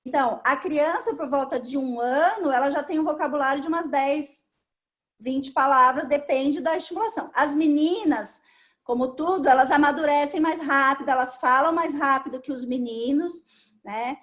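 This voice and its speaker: A woman with a notably high voice and a Brazilian Portuguese accent, speaking as a speech therapist guest in an interview. She explains patiently and instructively, laying out each point step by step. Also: moderate pace, a bit bright.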